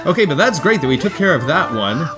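A man's voice: fairly high pitch, big pitch swings, fast. A man giving casual video game commentary, chatting and thinking aloud, often repeating phrases to himself. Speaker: video game streamer doing a playthrough. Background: video game music.

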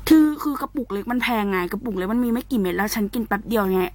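A woman talks in a loose, rambling way, teasing and dropping slangy asides as she reviews a product at home. Her voice sits at an ordinary middle pitch. She sounds like she is recording in her bedroom. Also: racing, darkish tone. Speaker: vlogger. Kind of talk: casual product review vlog.

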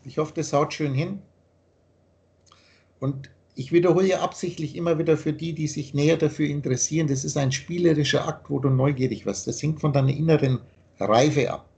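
Belehrender Mann mit hoher Stimme. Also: male voice, fairly high pitch, fairly quick, vocal fry, a little mellow. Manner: repetitive, earnest, lecturing. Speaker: teacher explaining his teaching. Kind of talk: explanatory monologue in a video call. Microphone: video call.

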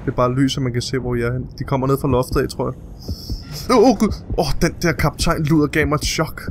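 A man hosting a co-op game session, commentating excitedly, swearing and yelping whenever something startles him. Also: mid-range voice, a little hiss or hum. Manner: jumpy, swears and yelps when startled. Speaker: let's play host.

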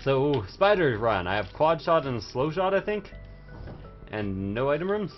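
Young adult man, rowdy tipsy rambling, animated pitch, game streamer, dull lo-fi audio, music behind. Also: unhurried. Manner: rowdy, silly, drunken party-animal rambling. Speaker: livestream host playing a video game. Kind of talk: casual game commentary. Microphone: microphone pulled close to the face.

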